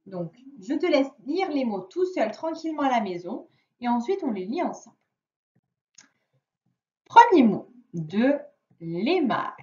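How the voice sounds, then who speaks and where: Female teacher, slow lively dictation, high voice, echoey dull distant recording. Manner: slow, careful, drawing out words to dictate. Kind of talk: remote reading and spelling lesson for a child. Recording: echoey room, distant mic, dull sound.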